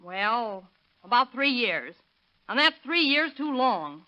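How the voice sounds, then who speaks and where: An actress plays a suspicious, fed-up housewife, brusque and complaining, in the style of a 1930s radio crime drama. Her female voice is on the high side, sing-song and slow, heard through a dull lo-fi vintage radio recording.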